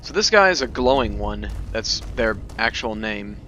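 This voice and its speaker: A man's voice: on the low side, expressive, moderate pace, pushed and bright, highs cut off. A man giving casual gameplay commentary, informal and joking as he explains things. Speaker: video game streamer. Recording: game music behind commentary. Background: video game music and sounds.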